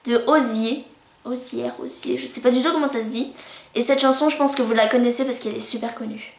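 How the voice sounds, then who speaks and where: A woman's voice: on the high side, steady tone, fairly quick, gravelly, slight background noise. A woman vlogging her monthly favourites in a chatty, bubbly way, gushing over things with cutesy words. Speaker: beauty vlogger. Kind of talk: casual monthly favourites vlog. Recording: roomy echo.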